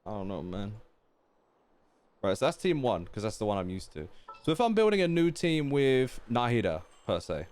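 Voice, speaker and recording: A man streams a game with game music behind him, chatting casually in a medium-pitched, sing-song voice with a darkish tone at normal speed. He thinks aloud and puts questions to his viewers.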